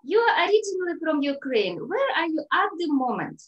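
A woman's voice: sits high, very animated, fairly quick, fairly bright tone, highs cut off. Chatty woman host on a video call. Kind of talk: casual online interview. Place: home room, video call. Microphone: laptop mic on video call. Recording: roomy echo.

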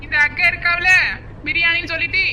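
Woman voicing a greedy cartoon village girl, southern Tamil accent, piercingly bright and high, whiny pleading. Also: flat delivery, quick pace, some chatter behind, slight background noise, exaggerated voice. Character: greedy young village woman mad about biryani. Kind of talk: cartoon voice acting.

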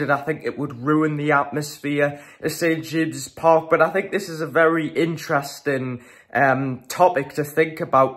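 A teenage football vlogger talks casually to camera from a small room at home, chatty and opinionated, with frequent ums and restarts. His voice is on the high side and fairly bright in tone.

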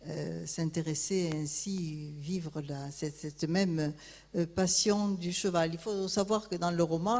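A woman's voice: low voice, darkish tone. A female professor presenting a writer to an audience, speaking hesitantly with frequent fillers. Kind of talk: public lecture. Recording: long reverberant hall.

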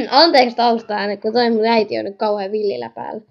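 A young woman chatting excitedly while playing a horror game, talking to viewers and scolding her mother in the background. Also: a little high, dull audio. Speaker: gaming channel host. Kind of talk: game commentary.

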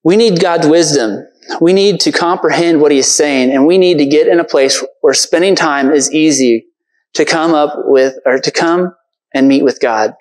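A man's voice: fairly high pitch, moderate pace, poor audio. Earnest man giving a casual sermon. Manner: earnest, conversational, many fillers. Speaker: preacher. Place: church stage.

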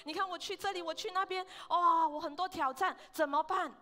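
A woman pastor, preaching a lively sermon in a church service, firing questions at the congregation and slipping in English words. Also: extremely high pitch, a little fast.

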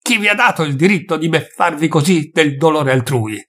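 Guy reading a raging grieving doctor, husky, shouting every word, higher and louder than the narration. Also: lively intonation, a little fast. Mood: furious. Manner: shouting, hammering each word. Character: furious grieving male country doctor.

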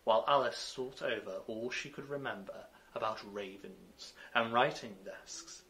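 A man narrating a children's storybook chapter, measured and expressive. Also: medium pitch, creaky.

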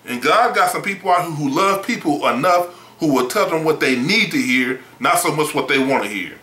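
A man's voice: on the high side, lively intonation, moderate pace, bright, forceful tone, roomy sound, rough recording. A man preaching a sermon in a blunt, emphatic, folksy way, often repeating words.

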